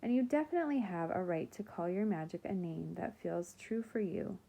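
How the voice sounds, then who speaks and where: A woman reading aloud, voicing a kind female teacher who speaks in a warm, reassuring way. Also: fairly low pitch, expressive, normal speed, gravelly.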